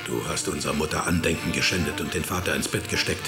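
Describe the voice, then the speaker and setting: A man's voice: rumbling low, fast. A bitter accusing father. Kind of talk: radio drama acting. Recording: echoey, distant, with music underneath.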